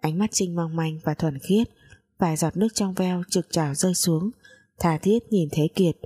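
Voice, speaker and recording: A woman narrating a scripted story in a calm, measured reading. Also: lowish voice, husky.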